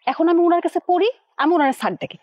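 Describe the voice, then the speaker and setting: Whiny stubborn wife, very high, sing-song, rapid. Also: female voice, expressive, a little mellow, no room sound. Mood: defiant. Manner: complaining, talking back.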